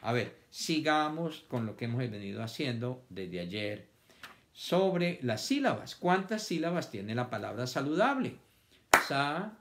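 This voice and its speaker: A man's voice: mid-range voice, sing-song, unhurried, noisy background. A man teaching a children's vocabulary lesson, stretching words out syllable by syllable and repeating them for the class to copy.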